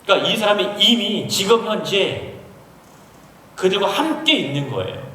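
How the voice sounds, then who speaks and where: A pastor from Seoul preaches in a large university auditorium, explaining a passage and asking his listeners questions. His voice sits high and sounds bright and forceful, animated at a normal speed. The recording catches him from far off in an echoey hall.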